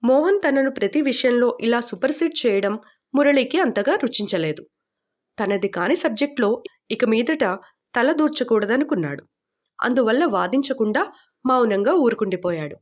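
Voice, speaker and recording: A woman narrating an audiobook romance in a steady, even storytelling voice. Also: a little high, moderate pace.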